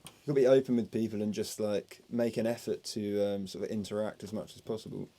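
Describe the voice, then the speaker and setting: A man in a band, talking in a relaxed, hedging way in a studio interview. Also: fairly low pitch, quick pace. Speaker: band member. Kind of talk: casual interview chat.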